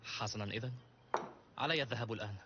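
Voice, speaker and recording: A man's voice: fairly low pitch, fast talker, noisy background, lightly acted. A man playing an eager, casual teenage boy in a dubbed drama. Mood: casual, reassuring. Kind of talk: dubbed screen drama acting. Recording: dull audio with faint music.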